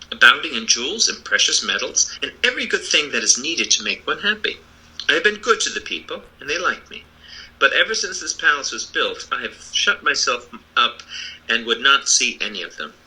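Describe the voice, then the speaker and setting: A man plays an old humbug wizard from a storybook. The voice is very bright and forceful, swinging freely up and down in pitch. He is kindly and apologetic, explaining himself in earnest. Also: very animated, a little fast, husky, heavily acted, rough recording. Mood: confiding, explanatory. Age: older. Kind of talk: storybook reading.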